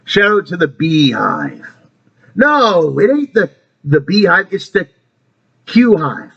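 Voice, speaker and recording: A man rambles through a casual vlog monologue in a high, lively voice that swoops up and down. He trails off, restarts his thoughts and swears casually. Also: takes it slowly, creaky, breathy edge, lo-fi sound. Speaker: vlogger.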